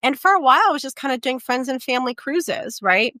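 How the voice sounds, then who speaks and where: A woman in her forties, a travel advisor raised in Portugal, telling her career story in a relaxed interview with many "um"s and tag questions. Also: high-pitched, fast, no room sound. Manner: reflective, storytelling, frequent "um" and "right?". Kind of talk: conversational interview.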